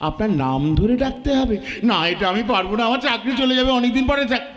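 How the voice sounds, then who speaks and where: A man's voice: very high voice, animated, fast talker, a bit bright. A man playing a flustered office employee bantering on the phone in a folk stage comedy.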